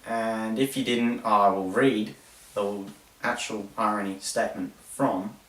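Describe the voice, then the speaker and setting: A man's voice: lowish voice, a little slow. A man hosts a casual explainer, joking and rambling as he goes and poking fun at himself. He sits some way back from the mic in a roomy, echoing space. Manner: playful, rambling, self-mocking, animated storytelling. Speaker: host. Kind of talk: jokey explainer monologue. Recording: roomy echo, distant mic.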